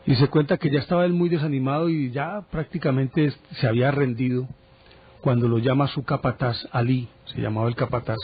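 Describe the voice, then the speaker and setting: Husky man telling stories. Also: medium pitch, brisk. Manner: animated storyteller, chatty asides. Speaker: TV presenter telling history stories. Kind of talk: casual storytelling on TV. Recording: dull broadcast audio.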